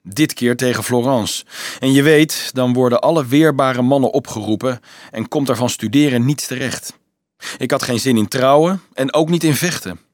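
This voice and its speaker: Man reading as a teasing young male student, mid-pitched, dry close sound; storybook role. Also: no room sound, lightly acted. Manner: light, teasing, evasive.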